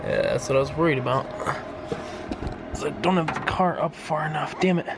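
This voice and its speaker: A man's voice: a little high, moderate pace, noisy background. A man in his thirties talking casually in frat-bro slang with easy swearing, vlogging from a garage workshop on a handheld camera. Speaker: host of a car project vlog. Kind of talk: casual garage vlog talk. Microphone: handheld camera at arm's length.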